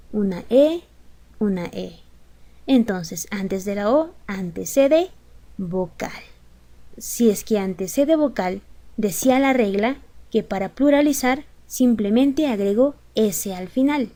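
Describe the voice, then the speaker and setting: A woman's voice: fairly high pitch, dark tone. A woman teaching an English grammar lesson to children, patiently explaining rules and asking them rhetorical questions. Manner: patient, slow, addresses pupils with rhetorical questions.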